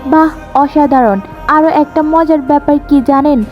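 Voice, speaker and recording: High-voiced woman narrating a romance story. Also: fairly even intonation, unhurried, highs cut off, faint music behind. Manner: dramatic, emotive storytelling.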